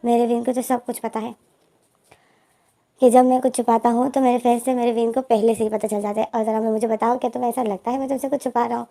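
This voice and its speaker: A woman's voice: a little high, flat delivery, fast talker, vocal fry, dark tone. A woman reading a doting young lover. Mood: affectionate. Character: loving, doting young man, worried partner.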